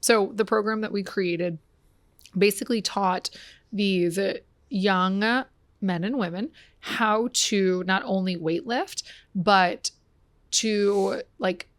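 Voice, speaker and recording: A woman's voice: mid-range voice, dry recording. Chatty, wordy woman gym owner, dry mic. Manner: energetic, wordy, fast storytelling with lots of fillers. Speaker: fitness gym owner, guest. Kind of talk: casual conversational interview.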